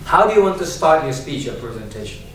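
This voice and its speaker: A man's voice: on the high side, very animated, fast talker, fairly bright tone. A man teaching a speech class, asking questions and laughing often, recorded in a classroom from across the room. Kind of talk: classroom lesson. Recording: echoey room, distant mic, background noise.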